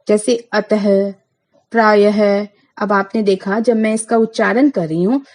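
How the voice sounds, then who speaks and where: A woman's voice: a little high, darkish tone, poor audio. A woman teacher giving a grammar lesson to schoolchildren, asking the class questions and then answering them herself, and spelling out the sounds one by one.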